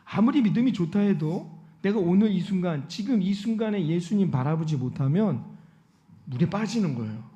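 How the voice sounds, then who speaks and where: A man's voice: high-pitched, expressive, moderate pace, dark tone. A male pastor preaching a Sunday sermon in a church, often putting rhetorical questions to the congregation. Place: church sanctuary. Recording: dull lo-fi sound.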